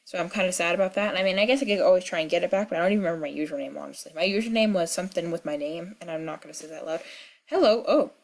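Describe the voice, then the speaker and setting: Sick with a cold and clearing her throat, a young gaming vlogger rambles through casual commentary at home in the country. Her voice is on the low side and races along with few pauses, chatty and full of fillers and asides.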